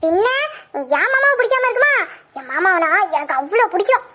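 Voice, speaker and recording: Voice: very high voice, very animated, brisk, pushed and bright, heavily acted. A performer voicing a sweet, affectionate young girl in an audio drama, talking earnestly and fondly with light giggles. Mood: tender. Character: sweet affectionate young girl who adores her uncle.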